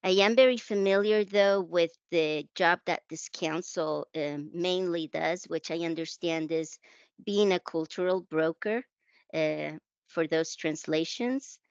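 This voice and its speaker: A woman's voice: lowish voice, measured pace, smooth, dry recording, dull audio. A woman from the Canary Islands, speaking English as a second language with a Spanish accent, telling stories about her work in a reflective, self-deprecating way. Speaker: guest translator. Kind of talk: conversational interview.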